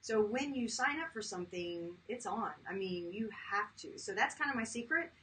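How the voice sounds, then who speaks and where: A woman's voice: mid-range voice, lively intonation, normal speed, sharp tone. Chatty woman in her fifties. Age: 50s. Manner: chatty, laughs easily, many fillers. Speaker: guest, chiropractor. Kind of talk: casual interview talk. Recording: distant mic with faint background noise.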